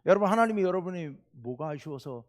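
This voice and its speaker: A man preaches from the pulpit, his fairly high voice carrying through a church with a long reverb. He tells a story animatedly, swinging between loud outbursts and quiet, confiding asides. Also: expressive, quick pace. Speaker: pastor. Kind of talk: sermon. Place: church sanctuary.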